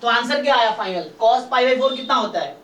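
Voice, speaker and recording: A man's voice: very high-pitched, lively intonation, brisk, fairly bright tone. A man, a statistics and maths teacher, explains problems step by step in a Hindi-English mix and checks whether students follow. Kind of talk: doubt-clearing online class. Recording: roomy, distant mic, faint noise.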